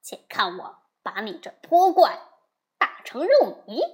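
A cheeky monkey hero taunts and scolds with loud, bouncing lines, rising high at the end of his jabs, as a woman puts him on. This is storybook voicing with plenty of swing in the pitch. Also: big pitch swings, measured pace. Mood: scolding. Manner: cocky and teasing. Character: cocky mischievous male monkey hero, teasing.

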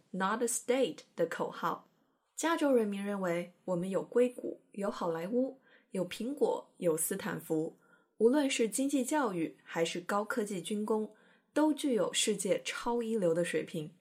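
A woman's voice: medium pitch, a little mellow. Chatty woman hosting a language lesson. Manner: chatty, playful explaining with careful pronunciation demos. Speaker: host of an English-learning program. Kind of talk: educational podcast narration.

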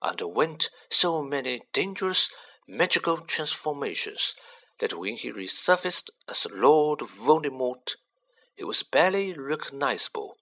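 A man voicing a gentle, wise, very old wizard headmaster who speaks softly and in a measured way. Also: medium pitch, sing-song, voice pushed up, heavily acted.

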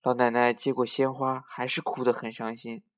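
A man narrating a children's story in a lively, sing-song, clearly enunciated way. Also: mid-range voice, moderate pace.

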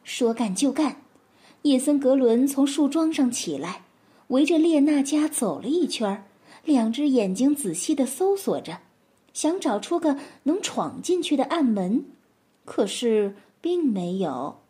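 A woman narrating a children's story in an expressive, animated way. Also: high-pitched, measured pace, husky.

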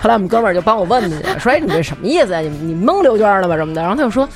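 Fast-talking woman telling stories. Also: medium pitch, over music. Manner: chatty, animated, laughs while telling stories. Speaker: talk show co-host. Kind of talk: casual comedic storytelling.

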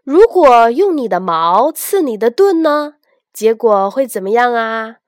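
A woman's voice: a little high, big pitch swings, a little slow, dry recording, clean studio sound. A woman voicing a bold, cheeky little boy in a children's storybook reading, talking up confidently. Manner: bright, confident, questioning.

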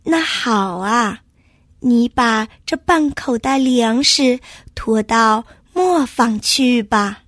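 A woman as a gentle mother horse. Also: fairly high pitch, lively intonation, takes it slowly, no room sound, studio quality, full character voice. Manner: soft and soothing.

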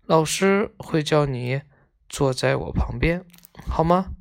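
A man's voice: on the high side, slow, creaky. A man voicing a kind-hearted schoolboy who comforts his sick friend while reading a children's story aloud. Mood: comforting.

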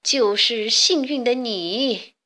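A woman's voice: on the high side, normal speed, sharp tone. A woman voicing a shameless, boastful young male hunter, smug and swaggering.

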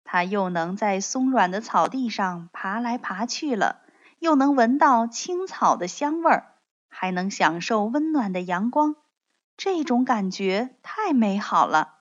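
A woman reading a children's storybook aloud in a slow, gentle way, speaking to the children. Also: mid-range voice, lively intonation. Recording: dull lo-fi recording.

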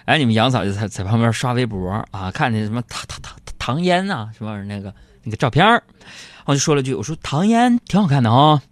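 A young man, hosting a live stream show and telling joking, animated stories about his family. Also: fairly low pitch, quick pace, no echo. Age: young adult. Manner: joking, animated storyteller who acts out arguments. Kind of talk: comic storytelling monologue. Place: broadcast studio.

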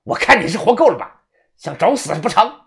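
A man's voice: high voice, sing-song, brisk, creaky, a bit bright, voice pushed up, heavily acted. A man voicing an arrogant, angry ward manager who barks threats. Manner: barking, threatening.

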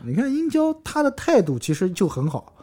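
Podcast co-host, chatty analyst, lively pitch, husky tone. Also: brisk. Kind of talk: storytelling chat podcast.

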